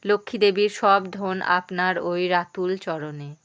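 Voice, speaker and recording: A woman's voice: lowish voice, takes it slowly, fairly bright tone, clear, resonant tone, no echo. Woman voicing an earnest loyal younger prince.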